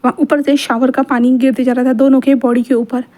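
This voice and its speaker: A woman's voice: sits high, level tone, fairly quick, warm tone. A woman casually narrating a fan fiction story in a chatty, loose way, full of fillers.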